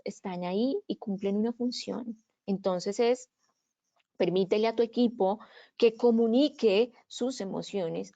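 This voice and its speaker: A woman's voice: mid-range voice, dark tone. A woman giving a virtual conference talk on leadership, often checking in with her listeners and acting out quoted phrases. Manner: asks frequent "¿sí?" checks, acts out quoted phrases. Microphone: video call. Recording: dull lo-fi online call audio.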